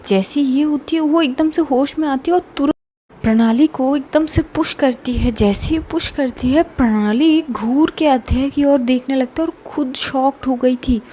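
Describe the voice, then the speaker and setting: A woman narrates a romance story with breathless drama. Her voice is high yet mellow, with faint background noise.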